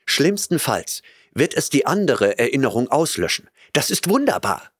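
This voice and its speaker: A man's voice: mid-range voice, big pitch swings, moderate pace, breathy edge, dry recording, clean studio sound, voice pushed up. A man voicing a desperate, lovesick young man in an audiobook, speaking in an agitated, pleading way. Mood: eager.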